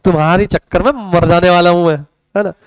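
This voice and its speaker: Chatty, high-voiced Indian male teacher. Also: steady tone, fairly quick, smooth, no room sound, rough recording. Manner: chatty, joking, addresses students as beta. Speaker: commerce teacher. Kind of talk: casual online class lecture.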